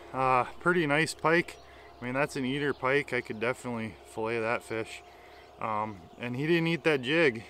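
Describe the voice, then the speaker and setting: With a mid-range, slightly bright voice and slight background noise, a fishing vlogger in his thirties chats to the camera as he fishes a small river. He's enthusiastic, explaining as he goes in this casual outdoor vlog filmed on the bank and in a canoe.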